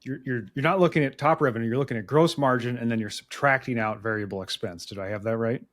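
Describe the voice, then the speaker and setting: A man's voice: medium pitch, fast, a bit bright. A man hosting a casual business interview, plain-spoken, recapping and checking his understanding. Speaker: interview host.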